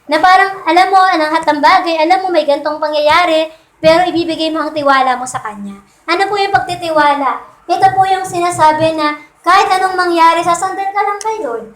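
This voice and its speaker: A woman's voice: very high voice, a little fast, a bit bright. A woman preaching a Sunday sermon in a conversational way, often asking her listeners to agree and mixing English phrases into her talk. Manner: mixes English phrases into Tagalog. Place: church. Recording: echoey church hall.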